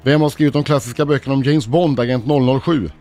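A man reading quiz questions at a brisk, even pace on a morning radio show. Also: medium pitch, soft background music.

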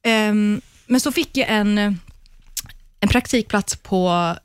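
A woman in her thirties chats as a radio guest, bubbly and talkative, her stories spilling out with fillers and laughs. Her voice sits at an ordinary middle pitch. The studio sound is close and dry, with no room around it. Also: smooth, dry recording. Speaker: radio guest, talent show judge. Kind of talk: casual radio interview chat.

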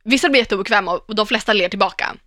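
A woman co-hosting a podcast in casual chat, chatty and quick to laugh, telling stories. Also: medium pitch, pushed and bright, no echo, clean studio sound. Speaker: podcast co-host.

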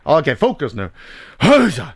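A man hosting a morning radio quiz segment, chatting with a caller in a joking, lively way. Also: a little high, creaky, crowd noise. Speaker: radio quiz show host and contestant. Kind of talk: casual radio quiz banter. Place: radio studio.

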